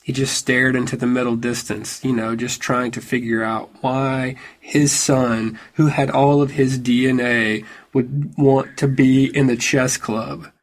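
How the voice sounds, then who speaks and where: A man's voice: medium pitch, flat delivery, measured pace. A man in his thirties performing a personal story in a wry, conversational way, full of casual fillers.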